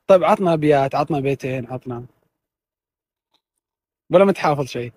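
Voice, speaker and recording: A man interviewing someone on the street in a teasing, lively way. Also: a little high, quick pace.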